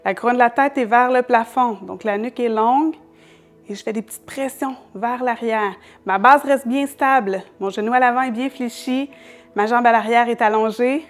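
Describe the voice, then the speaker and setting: A yoga teacher with a Quebec French accent, guiding a class in a fairly high voice. She gives calm, step-by-step instructions and laughs lightly now and then. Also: normal speed, faint music behind.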